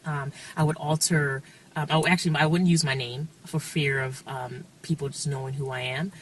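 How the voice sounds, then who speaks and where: A woman in her thirties, speaking in a documentary interview, hesitant with many pauses and fillers. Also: sits low, steady tone, slight background noise. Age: 30s. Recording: distant mic with faint music.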